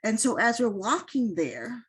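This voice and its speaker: A woman's voice: a little high, big pitch swings, a little slow, breathy edge. A middle-aged woman guest speaker telling a story in a casual, chatty way on an online call, with many fillers and quoted asides. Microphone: online video call.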